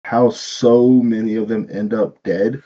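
A man co-hosting a casual podcast, calm and measured, agreeing and weighing in. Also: on the low side. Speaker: podcast co-host. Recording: dull lo-fi mic.

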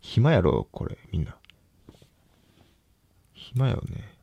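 A young man, quietly mumbling to himself at home late at night, nervous and hesitant. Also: fairly low pitch, very animated, slow, vocal fry, slightly rough, no room sound. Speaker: vlogger.

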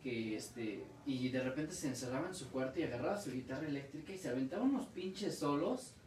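A man's voice: mid-range voice, animated, fairly quick, darkish tone, recorded from a distance. A young Mexican man talks in loose, slangy chat, swearing and circling back as he tells a story. His voice sits back from the mic in an echoey room, with faint background noise. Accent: Mexican Spanish. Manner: slangy, swears freely, retells stories with restarts. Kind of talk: casual chat.

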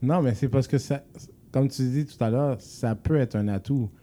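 Mellow man mixing French and English. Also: medium pitch, normal speed. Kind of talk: casual discussion.

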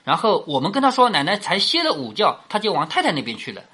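Woman, storytelling lecture, bright tone, slightly husky, rhetorical questions. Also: lowish voice, sing-song, quick pace. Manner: chatty, rhetorical questions, laughs while explaining. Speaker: storyteller explaining a classic novel.

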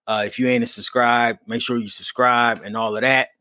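A man's voice: mid-range voice, level tone, moderate pace, pushed and bright, no room sound. A man co-hosting a podcast in casual chat, laughing often and swearing freely, on a close mic. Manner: laughs often, loose and profane. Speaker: podcast co-host.

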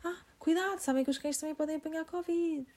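Woman putting on a shrill, childlike stranger. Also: animated, brisk, a little mellow. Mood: childish. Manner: high, childlike, sing-song. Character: odd childish-sounding woman met at the park.

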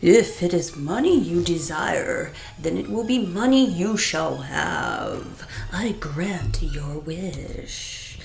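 A woman voicing a stern, sly male genie who speaks in slow, drawn-out warnings. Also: on the low side, very animated, gravelly, darkish tone, echoey room, faint music behind, exaggerated voice. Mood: ominous.

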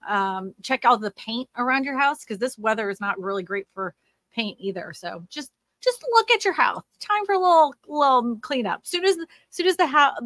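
Captured with no room sound, this slightly nasal, a little high and somewhat bright voice belongs to a Louisiana woman, from the USA, hosting a housing-market livestream. She reads comments in a casual, chatty way, rambling along with lots of fillers and restarts.

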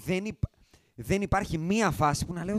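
Male podcast host, emphatic and animated, slightly high voice, dry sound. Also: no echo. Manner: animated, emphatic, quick swings in loudness. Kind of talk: casual sports chat.

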